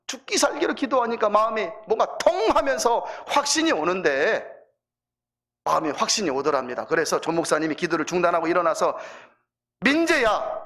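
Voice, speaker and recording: A man's voice: a little high, a bit bright. A male pastor preaching in a church, telling a story animatedly and addressing the congregation directly. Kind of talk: sermon storytelling.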